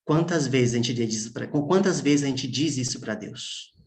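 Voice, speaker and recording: A man, a pastor preaching a sermon as emotional storytelling, with long pauses and hushed moments. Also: medium pitch.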